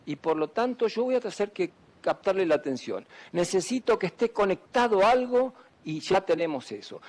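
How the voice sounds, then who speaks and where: A man's voice: high voice, very animated, normal speed, darkish tone. A man, a doctor giving an emphatic public talk to students and often asking them questions. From Argentina. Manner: asks the audience questions, emphatic.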